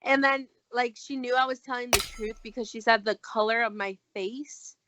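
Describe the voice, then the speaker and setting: A woman's voice: fairly high pitch, normal speed, background noise. A young adult woman telling a personal story in casual talk as a guest, acting out the lines she quotes. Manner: animated, acts out quoted dialogue. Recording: dull lo-fi recording.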